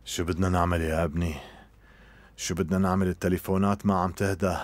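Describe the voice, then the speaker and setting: A man's voice: low-pitched, flat delivery, fast talker, dry recording, natural voice. A man dubbing a worried older man buried in debts, groaning and exasperated, in a TV drama. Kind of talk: dubbed TV drama.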